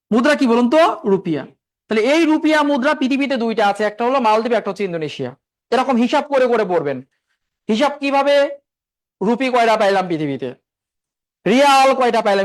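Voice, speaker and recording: A male exam-prep teacher, lecturing and drilling the class by asking questions and answering them himself. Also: extremely high pitch.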